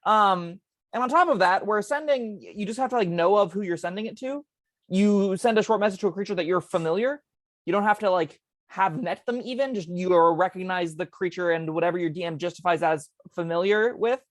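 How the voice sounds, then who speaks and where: A woman co-hosting a casual tabletop game podcast, talking in quick chatty bursts with plenty of ums. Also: medium pitch, no echo. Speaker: co-host discussing tabletop spells.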